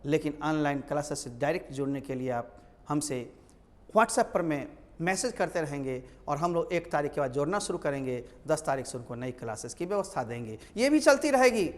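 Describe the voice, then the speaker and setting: A man's voice: a little high, expressive, a little fast, long reverb tail. A male teacher, explaining English grammar in a lecture. He asks his own questions and answers them.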